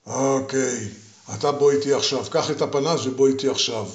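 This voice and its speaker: A man's voice: medium pitch, fairly even intonation, reverberant, close to an everyday voice. A man voicing a huge male giant who gives curt, bossy commands in a storybook tale.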